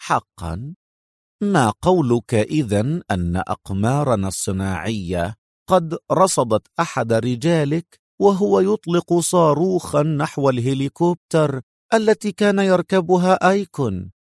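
A man voicing a calm, menacing male general who talks slowly in sarcastic, mocking tones, pitched below his own voice. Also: dry recording, studio quality.

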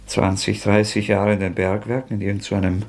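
In a German radio drama, an actor plays a tormented, defiant young man confessing to murder, his husky voice often breaking. The delivery is lowish and flat, bitter and defiant, coming out in agitated, anguished, halting outbursts.

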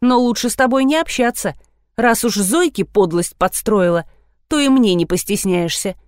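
A woman's voice: medium pitch, lively intonation, moderate pace, a little mellow, no echo, studio quality, close to an everyday voice. A woman voicing a harsh young woman who speaks in a cold, reproachful manner.

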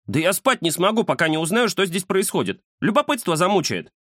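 Fussy boastful storybook tomcat, man doing the voice, high-pitched, bouncy intonation, dry sound. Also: a little fast, no echo, heavily acted. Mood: indignant. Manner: excitable, fussy, know-it-all. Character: chatty boastful male house cat. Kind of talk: audiobook character voice.

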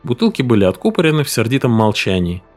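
Guy reading a story out loud, really animated, faint music behind. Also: mid-range voice, quick pace. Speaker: narrator.

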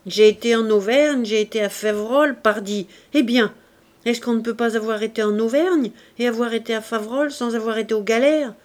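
A woman voicing a poor, bewildered old male vagrant in the dock, protesting loudly and rambling. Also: on the high side, a little fast, lightly acted. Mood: indignant protest.

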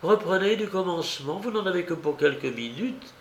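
A man's voice: sits high, lively intonation, brisk, slight background noise, pitched above the performer's own voice. A man reading an audiobook voices a grieving woman, the sister of a dead actress, who talks in an urgent, pleading way. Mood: insistent. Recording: roomy echo.

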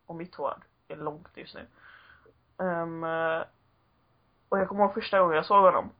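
A woman's voice: on the low side, fairly even intonation. A woman in her twenties telling stories in a casual podcast chat, full of fillers. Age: 20s. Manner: chatty storytelling with frequent fillers and laughs. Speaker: podcast co-host. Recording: dull lo-fi old recording.

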